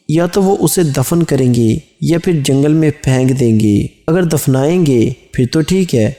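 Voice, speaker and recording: A man's voice: a little high, dark tone. A man voicing an anxious young village man who reasons through every outcome in a long chain.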